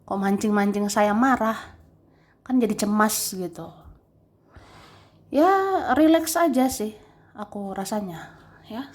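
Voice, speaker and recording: A woman giving a casual tarot reading, chatty and gently advising, tagging her sentences with a soft "ya" and laughing between phrases. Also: mid-range voice, slow, long pauses. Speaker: tarot reader.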